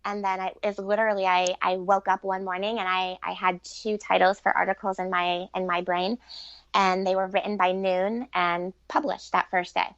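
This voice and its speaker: A relationship author and coach in middle age gives earnest, reflective, informal podcast interview answers at a moderate pace. Her medium-pitched voice is level in tone and fairly bright. There's no room sound, though the recording is dull and lo-fi.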